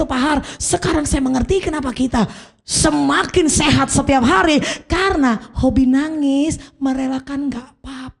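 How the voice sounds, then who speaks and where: A woman's voice: high voice, gravelly. A woman pastor preaching a sermon in a church service hall, emphatic and leading the congregation to repeat phrases after her.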